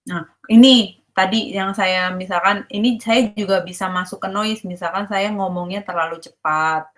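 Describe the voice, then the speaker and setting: A woman teaches a university course over a video call, her voice sitting at an ordinary middle pitch. She explains in a loose, conversational way and slips English terms into her speech. She pauses often to ask whether the class is following. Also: fairly even intonation. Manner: explains casually, checks if students understand. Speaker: university lecturer. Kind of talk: online class lecture.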